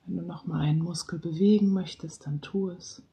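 A relaxation guide speaking softly and slowly, sometimes dropping into a whisper, leading a guided relaxation. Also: medium pitch, steady tone, gravelly. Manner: slow, soft-spoken, partly whispered.

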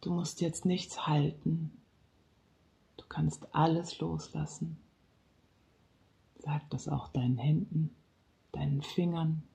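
Relaxation guide for a calming session: very slow, soft delivery with some whispered lines, low gravelly texture.

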